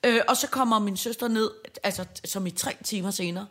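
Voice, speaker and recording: A woman co-hosting a casual chat podcast who tells family stories and backs her co-host up with frequent short agreements. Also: mid-range voice. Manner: gives frequent short agreements, tells family anecdotes with lively quoted voices.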